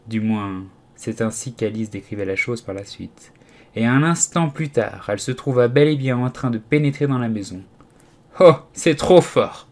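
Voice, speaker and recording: A man narrating a classic children's story as an audiobook, steady and expressive. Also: medium pitch, normal speed. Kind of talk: scripted narration.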